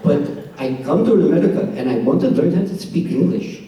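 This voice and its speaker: At a benefit show, an amateur comedian in his sixties with a New York accent delivers self-deprecating stand-up full of storytelling punchlines in a brisk, expressive, dark-toned voice that sits fairly high. The echoey room and distant microphone pick up the audience's laughter.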